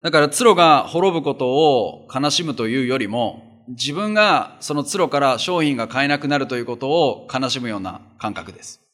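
A man works through a Bible chapter in a measured reading voice with a middle pitch. Between passages he stops and explains the text in an easy, conversational way, as a pastor speaking to his congregation. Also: expressive, fairly bright tone. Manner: reads scripture steadily, then explains in a plain conversational tone. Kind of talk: Bible reading with sermon commentary.

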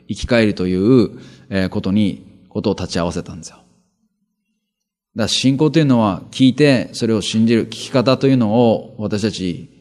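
A man's voice: fairly low pitch, darkish tone. A male pastor preaching, reading Bible verses aloud and then explaining them in a conversational way, with rhetorical questions and asides.

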